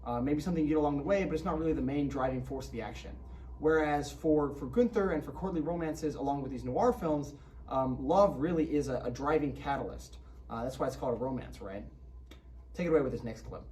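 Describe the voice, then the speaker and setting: A man's voice: on the high side, fast talker, darkish tone. A man presenting a film adaptation in an informal, conversational explanatory commentary, often checking for agreement. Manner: conversational, seeks agreement with tag questions. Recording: distant mic, faint background noise.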